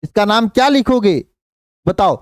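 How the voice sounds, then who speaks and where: A somewhat high-voiced man teaches a chemistry class in Hindi. He counts slowly, quizzes his students and repeats answers back to them. His voice climbs when he stresses a rule, and the close mic keeps the sound dry. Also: animated, clean tone, dry recording. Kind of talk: live online class teaching.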